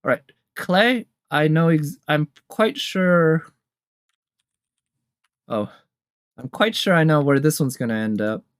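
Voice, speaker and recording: Slow and smooth with long pauses, a slightly high, expressive male voice comes through clean studio sound without echo. He's the host of a game trailer tier list, giving casual, enthusiastic reactions and thinking aloud, with trailer music underneath.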